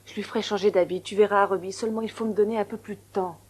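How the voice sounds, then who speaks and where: A woman's voice: medium pitch, fairly even intonation, very fast, darkish tone, husky, lightly acted. A woman dubbing a caring woman doctor in a French film, protective and full of questions. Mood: concerned, teasing. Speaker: hospital doctor.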